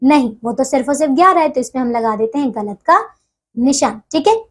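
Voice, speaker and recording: A woman's voice: high-pitched, expressive, a little fast. A woman teaching a grammar lesson to young children, talking patiently and checking in with them again and again. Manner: patient, repeats checks with listeners often.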